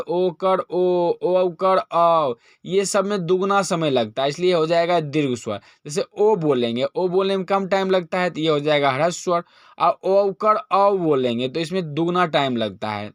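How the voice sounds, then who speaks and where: A young man teaching a grammar lesson, slowly drawing out each letter sound as he explains. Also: on the high side, no room sound, clean studio sound. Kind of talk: classroom-style grammar lesson.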